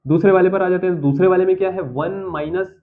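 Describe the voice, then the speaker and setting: A man's voice: high-pitched, steady tone, fast talker. A man teaching a school math lesson, working through each step aloud and often checking in with the class. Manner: talks himself through each step, keeps checking "theek hai sir". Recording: tinny phone-like audio.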